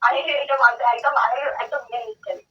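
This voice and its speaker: A young woman on the receiving end of a prank call chats casually over a dull, distant phone line. Her voice is a little high and steady in tone, and she talks quickly, questioning and insisting and often repeating herself.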